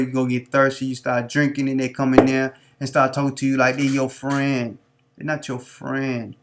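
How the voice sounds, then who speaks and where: A man's voice: mid-range voice, heavy background noise. A man hosting a live stream, talking off the cuff in a preachy, repetitive, street-talking way. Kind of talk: unscripted monologue.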